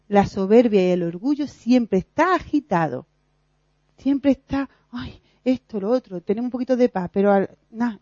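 A woman's voice: a little high, darkish tone, dry recording. Woman lay teacher, earnest church talk, quotes her own fretting, dull lo-fi dry recording. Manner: laughs at herself.

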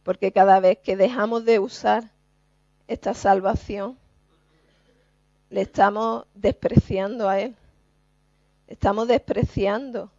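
A woman's voice: medium pitch, vocal fry, dark tone, no room sound, highs cut off. A woman preacher giving an earnest, emphatic sermon to her congregation. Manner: earnest, slow and emphatic, addresses the congregation directly.

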